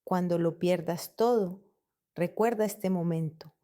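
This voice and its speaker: A woman's voice: lowish voice, a little slow, mellow, close to an everyday voice. A woman reading the messages of a spiteful brother who speaks with scorn. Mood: scornful.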